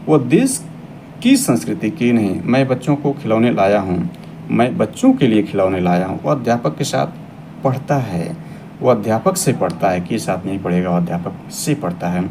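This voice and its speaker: A man's voice: lowish voice, animated, normal speed, background noise. A man teaching a grammar lesson for exam preparation. He reads each example sentence, then repeats it in corrected form.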